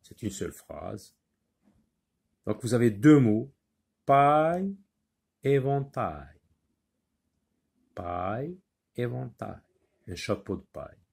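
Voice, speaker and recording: A man's voice: mid-range voice, very animated, takes it slowly, vocal fry, long pauses, a little mellow, breathy edge. A man teaching a French spelling lesson, patiently repeating words and spelling them letter by letter.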